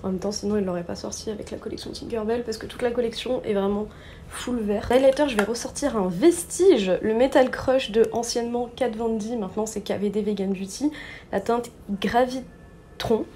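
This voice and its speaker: A woman's voice: a little high, moderate pace, warm tone, a little hiss or hum. A young woman narrating her makeup step by step in a casual vlog, chatty and full of little fillers and self-corrections. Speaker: beauty vlogger.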